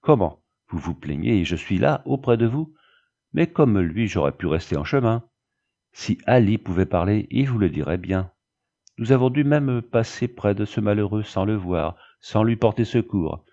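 A man voicing a kind, devout young country pastor who speaks earnestly and gently. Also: on the low side, lively intonation, normal speed, gravelly, dull audio. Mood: grave.

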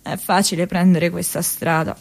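An actress with a lowish, gravelly, slightly mellow voice speaks at a moderate pace with little pitch movement. She plays a restless, lovelorn, self-mocking young woman in a theatrical, emotional radio monologue, reflective and tender, repeating phrases.

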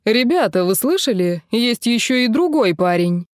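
A woman's voice: on the high side, expressive, normal speed, dry recording, clean studio sound, natural voice. Woman voicing a brash teasing teen brother. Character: teenage boy, protective teasing older brother. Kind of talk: audiobook character voice.

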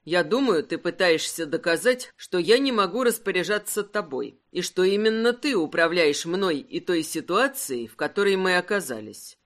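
A woman's voice: lively intonation, lightly acted. A woman voicing a wry, self-assured earl. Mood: serious. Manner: unhurried, wry, lowered voice. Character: confident teasing aristocratic man, an earl.

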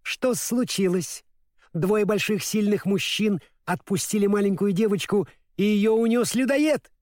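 A man's voice: high voice, normal speed, a little mellow, no echo, clean studio sound, pitched above the performer's own voice, natural voice. A man voicing a mocking female squirrel in a storybook, scolding and chattering.

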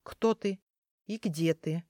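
A woman's voice: on the low side, slow pace, warm tone, dry recording, studio quality, voice pushed down. Woman reading as a feisty young heroine. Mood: nervous. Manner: startled, then defiant.

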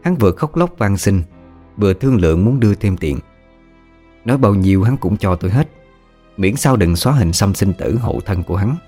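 A man narrating a first-person audio story in a steady storytelling manner. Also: fairly low pitch, normal speed, slightly rough, soft background music.

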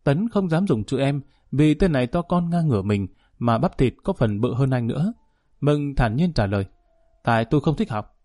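A man narrating a spoken story in a calm, measured way. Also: mid-range voice, no echo, studio quality.

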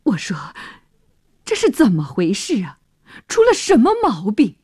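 A woman's voice: medium pitch, wildly swooping pitch, unhurried, darkish tone, slightly rough, no room sound, clean studio sound, exaggerated voice. A woman voicing a confused, upset young man who stammers out questions in a told story. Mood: baffled.

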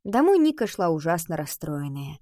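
A woman reading a story aloud as audiobook narrator, in steady storytelling. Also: low-pitched, normal speed, no echo, clean studio sound. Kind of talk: scripted narration.

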